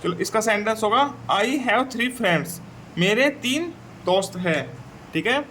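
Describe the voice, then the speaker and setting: A man with a Hindi accent teaching an English textbook lesson, repeating "theek hai" and reading English sentences slowly before translating them. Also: high voice, expressive, pushed and bright, slight background noise, poor audio. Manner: slow and repetitive, says "theek hai" often.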